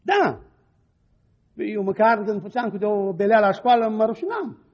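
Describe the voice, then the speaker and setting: A middle-aged man preaching a sermon with personal stories, animated, moving from quiet asides to loud exclamations. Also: high voice. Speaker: pastor. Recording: dull lo-fi recording.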